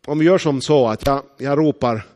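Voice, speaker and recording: A man from eastern Uusimaa in Finland, with a Finland-Swedish accent, preaching a sermon. He tells stories emphatically and slows down on key phrases. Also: mid-range voice, a little mellow.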